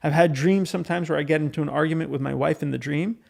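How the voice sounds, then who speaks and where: A man's voice: on the high side, fairly even intonation, fast, creaky, a little mellow. A man hosting a podcast, speaking in an earnest, informal, philosophical way, as in a reflective wedding toast speech. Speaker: podcast host.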